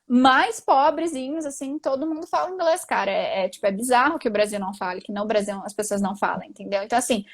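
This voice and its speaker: A woman's voice: a little high, fast, hardly any pauses. A woman in her thirties, co-hosting a live stream in casual chat, talking in a chatty, emphatic way. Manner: chatty, emphatic, says "tipo" and "entendeu" a lot.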